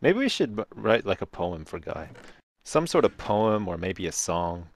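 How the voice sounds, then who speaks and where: Male gaming co-host, lowish voice, casual and joking, rambling, sweary, mock-dramatic delivery. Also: big pitch swings, moderate pace, no echo, clean studio sound. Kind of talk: casual, jokey gameplay commentary.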